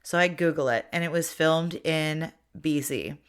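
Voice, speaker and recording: A woman's voice: low voice, measured pace, clear, resonant tone. A middle-aged woman from Ontario, hosting her own podcast in a chatty, reflective monologue full of restarts. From Ontario, Canada. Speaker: podcast host.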